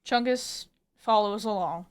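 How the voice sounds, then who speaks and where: A woman's voice: mid-range voice, a little slow, smooth. A woman playing a tabletop role-playing game, chatting casually and narrating her character with joking playfulness. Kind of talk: casual table chat, narrating own character in third person.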